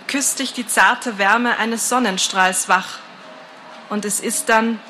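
Slow, bright-voiced woman narrator. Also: medium pitch, a little hiss or hum, rough recording. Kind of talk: scripted first-person story narration.

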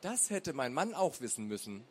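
A man voicing an elderly neighbour woman in a storybook reading, with a raised falsetto voice. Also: very animated, moderate pace, slight background noise, natural voice. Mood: wry.

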